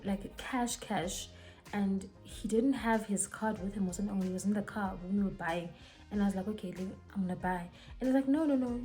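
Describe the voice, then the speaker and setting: A young woman with a South African accent tells her story in an animated, dramatic way. Her voice has a mellow, warm tone. Faint music plays in the background. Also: mid-range voice. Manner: animated, code-switching, dramatic retelling. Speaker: vlogger. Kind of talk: casual storytime while getting ready.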